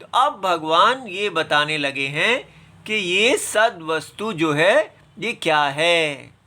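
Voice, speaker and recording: A man teaching scripture at a very unhurried pace, with a slightly high, bright voice. He explains patiently and breaks each word into its syllables, sometimes reciting verses in a slow chant. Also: animated.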